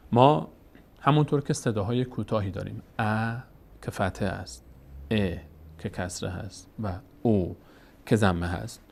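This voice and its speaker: A man with a Tajik accent teaching Quran reading, patiently repeating drawn-out syllables for the learners to copy. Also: fairly low pitch. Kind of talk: recorded reading lesson.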